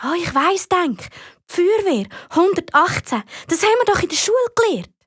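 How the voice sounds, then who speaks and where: A woman voicing an anxious, brave little schoolgirl in a high, excited childlike voice with a Swiss German accent. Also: unhurried, dry recording, studio quality, heavily acted. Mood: eager.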